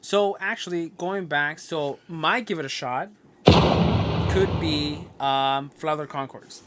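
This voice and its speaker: A man's voice: a little high, slow, very noisy. Rambling man chatting on a podcast. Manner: rambling, lots of "um" and restarts. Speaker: podcast co-host. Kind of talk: casual chat.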